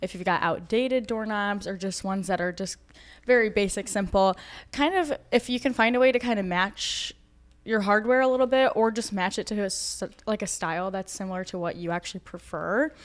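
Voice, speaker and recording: A woman's voice: mid-range voice, fairly quick. A woman co-hosting a podcast, sharing home tips in a chatty, easygoing way. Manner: chatty, easygoing tip-giving. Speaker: podcast co-host. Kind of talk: casual podcast chat.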